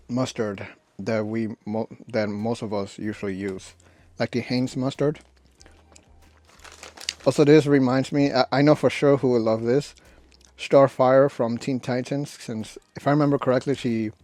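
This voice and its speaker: A man giving a casual, unscripted snack review in a rambling, halting way, often correcting himself. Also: medium pitch, a little mellow, no echo. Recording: noisy, clicks and crinkling bag rustle. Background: crinkling snack bags and clicks.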